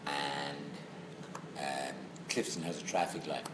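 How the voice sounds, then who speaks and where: A man's voice: rumbling low, fairly even intonation, slow. A middle-aged man with a west of Ireland accent chatting jokily in a wry, mock-serious ranting manner. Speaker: comedy venue operator being interviewed. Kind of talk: joking casual chat. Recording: echoey room with clear background noise.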